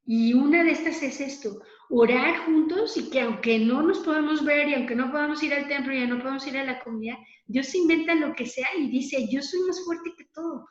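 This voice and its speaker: A woman's voice: high-pitched, brisk. A woman leading a spoken prayer meditation, earnest and conversational, often adding little tag questions. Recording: dull, lo-fi, echoey room.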